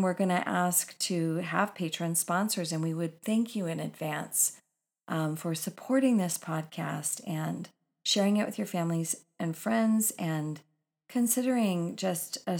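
Female podcast host, lowish pitch with vocal fry, soothing guided-meditation delivery. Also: darkish tone. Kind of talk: slow guided breathing meditation.

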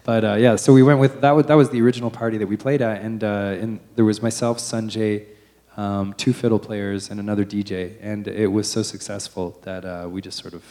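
A man's voice: fairly low pitch, level tone, fairly quick, mellow. A man, a DJ in a band, chatting and telling how the group began. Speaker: DJ and band member. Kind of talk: casual interview chat.

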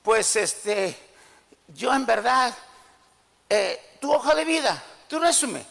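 A man's voice: very high-pitched, very animated, slow, creaky, a bit bright, long reverb tail, full character voice. A man voicing a humble, nervous male job seeker who stammers and hesitates.

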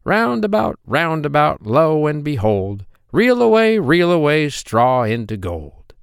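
A man voicing a scheming little male hobgoblin dwarf, high and wheedling in a storybook reading. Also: wildly swooping pitch, a little slow, gravelly, no room sound, studio quality, exaggerated voice. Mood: sing-song. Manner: high, sing-song, wheedling.

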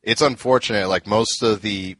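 A man's voice: lowish voice, moderate pace, fairly bright tone. A man casually retelling old wrestling events, rambling with plenty of fillers and restarts. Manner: loose storytelling with many fillers and restarts. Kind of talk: casual wrestling history chat.

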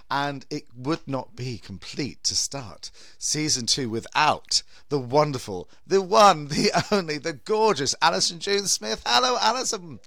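A man's voice: mid-range voice, bright, forceful tone, dry recording. A British man in his fifties hosting as a drag queen, with a campy, theatrical delivery. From United Kingdom. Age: 50s. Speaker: podcast host, drag queen horror host. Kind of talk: theatrical show introduction.

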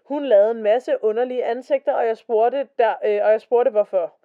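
Chatty woman on a lo-fi podcast. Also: fairly high pitch. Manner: chatty, reads quotes in a slower voice. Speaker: podcast co-host. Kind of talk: casual podcast chat, reading stories aloud. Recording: dull lo-fi podcast recording.

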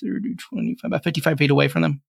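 A young man running a tabletop game as game master, narrating slowly and dramatically with playful asides. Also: on the high side, gravelly, husky.

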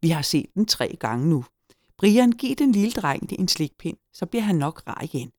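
A woman's voice: on the low side, sing-song, a little mellow, no echo, clean studio sound, pitched above the performer's own voice. A woman voicing a fussy middle-aged mother scolding her children, in a storybook reading.

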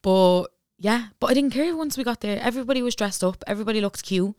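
A woman's voice: on the high side, fast, background noise. A woman co-hosting a podcast, chatting casually and chiming in to finish the story. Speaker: podcast co-host. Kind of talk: casual chat.

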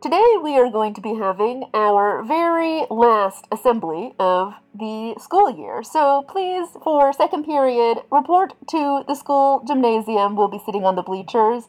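A woman's voice: fairly high pitch, animated, measured pace, hardly any pauses, voice pushed up, poor audio. A woman, acting as game master, voicing a school principal making a formal morning announcement over the school intercom. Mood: chirpy formal. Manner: formal, chirpy announcer delivery.

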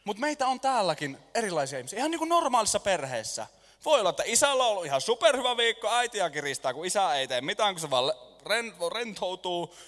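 A man preaches to a congregation in a lively, joking way, staging little skits with volunteers and pausing for laughter. His voice sits slightly high. A long echo from the large hall follows every phrase. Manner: animated, jokey, lets the room laugh. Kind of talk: lively sermon with audience skit. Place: church hall.

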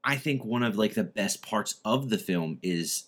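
Casual podcast co-host, man, very low voice, rambling and chatty. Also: animated, normal speed, a bit bright. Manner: chatty, many "like" fillers. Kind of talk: casual film discussion.

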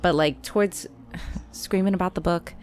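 A woman's voice: lowish voice, steady tone, normal speed, a little mellow, slight background noise. A woman chatting on a podcast, eagerly jumping in and retelling scenes with animation. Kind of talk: casual podcast chat.

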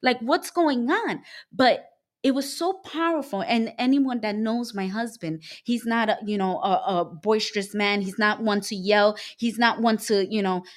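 A woman from Puerto Rico giving an animated personal faith testimony as a guest, speaking from her home over a video call and acting out the words of people in her story. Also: medium pitch, normal speed. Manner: animated, emphatic storytelling, acting out quoted speech. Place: her home, dining room.

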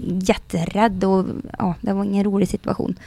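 A middle-aged woman tells her story as a guest, acting out quoted remarks and pausing often on small hesitations. Her voice is gravelly with a dark, mellow tone. The sound is dry and close, with no room echo. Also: mid-range voice. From Sweden. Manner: lively storyteller who acts out quoted speech, many hesitations. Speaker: guest, racing team manager. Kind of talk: casual interview conversation.

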